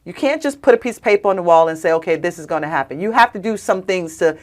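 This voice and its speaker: A woman, a guest on a podcast, telling personal stories in an animated, emphatic, conversational way. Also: lowish voice, quick pace. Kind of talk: conversational storytelling.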